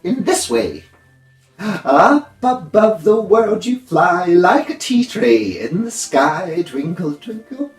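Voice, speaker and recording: Excitable, emphatic storybook madman, high and loud, very animated delivery. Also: slow, reverberant, faint music behind, heavily acted. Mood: aggrieved, theatrical. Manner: exclamatory, emphatic. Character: mad, loud, excitable Hatter at tea party.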